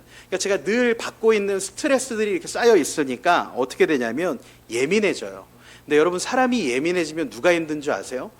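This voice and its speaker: A male pastor giving a conversational sermon, telling candid personal stories and speaking straight to the congregation. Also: on the high side. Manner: candid, confessional storytelling that addresses the congregation directly.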